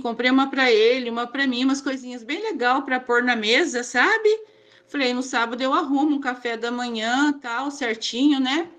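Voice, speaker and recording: A woman with a Brazilian Portuguese accent, taking part in a therapy group, pours out a personal story in a rambling, confiding way thick with repeated fillers. Her voice sits high and sounds a bit bright.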